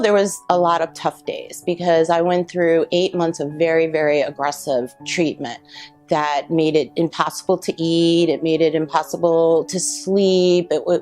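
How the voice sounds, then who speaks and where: A middle-aged woman telling her own cancer survival story, reflective and halting with many pauses. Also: deep voice. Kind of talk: personal testimony. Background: soft guitar music.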